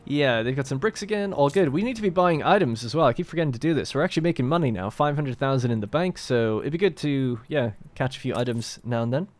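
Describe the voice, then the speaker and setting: A man's voice: medium pitch, animated, fast talker, few pauses, faint music behind. A man hosting a let's play, talking casually and thinking aloud as he plays a strategy game. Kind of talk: gameplay commentary.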